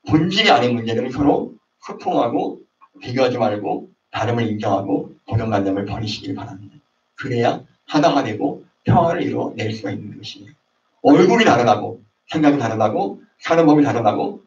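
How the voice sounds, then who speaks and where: Animated male pastor in a roomy church. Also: medium pitch, creaky, a little hiss or hum. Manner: animated, acts out quarrels in raised voices. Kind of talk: sermon. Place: church sanctuary. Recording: roomy, distant, dull online service audio.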